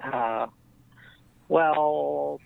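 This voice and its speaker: A man who invests in real estate is a guest on a podcast interview, chatting casually over a tinny phone line and rambling with lots of fillers and restarts. His voice is on the high side and gravelly, with fairly even intonation. He speaks very slowly, and there's no room sound.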